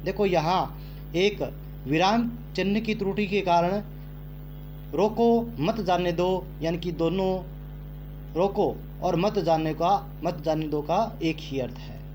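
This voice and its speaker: A man with a high-pitched voice teaches a grammar lesson to young children. He speaks slowly and repeats phrases so they sink in. A faint hum sits under the recording. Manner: slow, repeats phrases for emphasis. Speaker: Hindi teacher.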